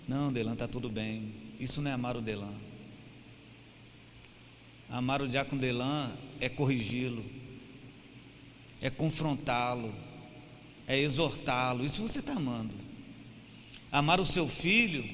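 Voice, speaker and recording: A male pastor with a Brazilian Portuguese accent preaching a sermon in church, his voice building up to loud, emphatic peaks. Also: medium pitch. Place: church hall. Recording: hall reverb, faint room noise.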